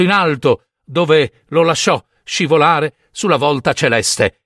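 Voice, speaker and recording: A man narrating a scripted myth in an expressive, dramatic storytelling manner. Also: a little high, no room sound, studio quality.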